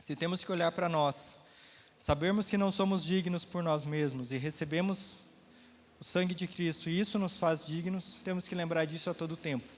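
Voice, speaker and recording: A man's voice: a little high, steady tone, moderate pace, big-room sound. A man with a Brazilian Portuguese accent teaching a Sunday school Bible lesson, talking casually, quizzing the class, his throat a little sore.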